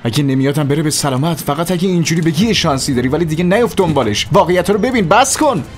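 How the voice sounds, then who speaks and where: A male voice actor dubbing a loyal, outspoken brother who keeps pressing his point in a fairly high voice. He alternates between begging and scolding, over faint background music. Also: animated, natural voice. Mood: insistent. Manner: pleading then scolding. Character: loyal blunt adult brother. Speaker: worried younger brother. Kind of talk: Persian dub of a TV drama.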